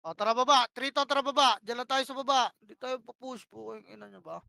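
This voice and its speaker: A woman's voice: on the high side, fast, vocal fry, bright, forceful tone, no room sound. A woman calling plays to her team during an online game, bossy and profane, firing off short repeated commands. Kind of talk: live gameplay shot-calling.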